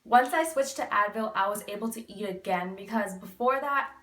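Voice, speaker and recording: A woman's voice: mid-range voice, normal speed, a bit bright. A woman in her twenties chatting casually to camera, explaining things with candid, emphatic asides. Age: 20s. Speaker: vlogger giving recovery advice. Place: small bedroom, indoors. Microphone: camera a few feet away. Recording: echoey room, distant microphone.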